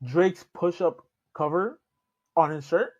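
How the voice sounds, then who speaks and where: A man's voice: fairly high pitch, slow pace. A man hosting a reaction video, rambling through casual commentary with many restarts. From Canada. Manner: rambling, repeats and restarts while he talks. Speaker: reaction channel host. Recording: dull lo-fi home recording.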